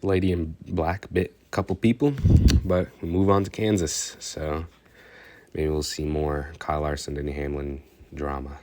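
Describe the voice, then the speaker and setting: A racing commentator with a rumbling low voice and a darkish tone gives a flat, moderately paced recap of a stock car race. He's congested and stuffed up, and his casual, rambling account is hesitant, full of fillers and restarts.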